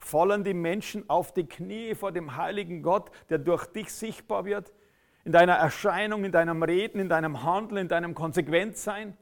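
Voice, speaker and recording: A man preaching a sermon, emphatic, swinging from loud outbursts to quiet intensity. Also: high voice, normal speed.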